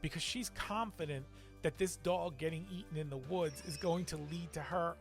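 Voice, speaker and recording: Man, podcast co-host, casual movie chat, wry and sarcastic, slightly high voice, faint music behind. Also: normal speed. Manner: wry, sarcastic, laughs often.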